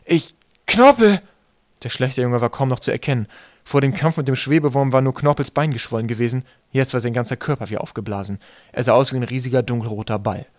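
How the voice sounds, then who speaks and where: A man reading an audiobook in calm, steady narration. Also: mid-range voice, fast talker, no echo, clean studio sound. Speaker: audiobook reader. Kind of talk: scripted narration.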